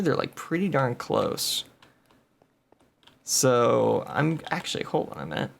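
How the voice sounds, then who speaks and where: A man's voice: medium pitch, gravelly. A man hosting a gameplay video, thinking aloud and muttering numbers as he plays. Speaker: game video host. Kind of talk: casual gameplay commentary.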